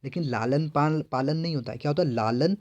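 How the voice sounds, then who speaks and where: Speaking briskly in a fairly high, darkish voice, a male teacher leads an exam-prep lesson in lo-fi audio. He keeps repeating the same routine: reading each question aloud, then answering it himself.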